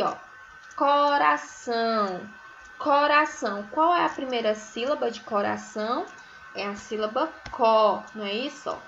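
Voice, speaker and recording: A woman teaching a recorded first-grade phonics lesson, sounding out syllables slowly and often checking in with tags. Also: a little high, vocal fry, fairly bright tone, lo-fi sound, a little hiss or hum. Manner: slow, drawn-out syllables, sounding words out; frequent checking tags like "né?" and "certo?". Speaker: primary school teacher.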